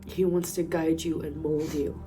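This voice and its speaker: A woman from Colombia sharing a personal faith testimony in a reflective, earnest way, with pauses. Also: low voice, level tone. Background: soft instrumental music.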